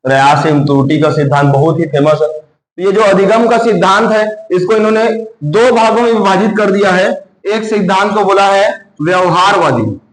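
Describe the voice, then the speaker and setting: A man teaching a lecture class, asking his own questions and drawing key terms out slowly. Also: high-pitched, reverberant, poor audio.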